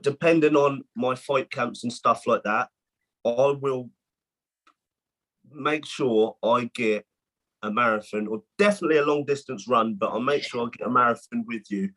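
A man, a boxer talking as a podcast guest in a halting way full of restarts. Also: medium pitch, fairly bright tone. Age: 20s. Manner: halting, many restarts and fillers. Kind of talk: casual podcast chat.

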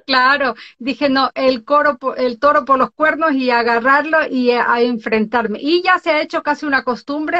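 A woman from Ecuador hosts a live online interview show from home. Her voice sits a little high, and she talks in a chatty, exclamatory way with frequent laughs. The call audio sounds dull and lo-fi. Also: a bit bright. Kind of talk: casual live-stream chat. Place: home in Norway. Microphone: video call.

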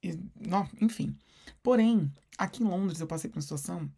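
A man with a Brazilian Portuguese accent co-hosting a podcast, telling stories in a lively way and acting out quotes. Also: sits high, normal speed, gravelly, slightly rough. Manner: animated storyteller, acts out quotes. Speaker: podcast co-host. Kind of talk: casual chat.

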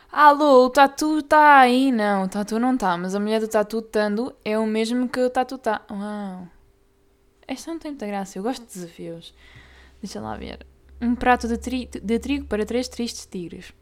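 A young woman with a European Portuguese accent, hosting a casual solo podcast, talking fast and tripping over tongue twisters. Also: medium pitch. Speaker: podcast host.

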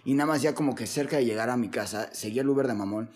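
A young Mexican man with a Mexican accent, telling a story in casual podcast chat, slangy and animated, acting out quotes. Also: mid-range voice, very fast. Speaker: podcast co-host.

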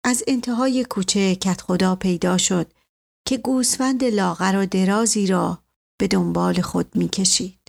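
A woman narrating a story aloud in a steady, even storytelling delivery. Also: mid-range voice, gravelly.

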